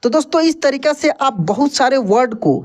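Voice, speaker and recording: A man's voice: very high-pitched, lively intonation, normal speed. A man teaching English vocabulary in a lesson, spelling each word letter by letter, then repeating it and its meaning patiently, often checking in with the listener.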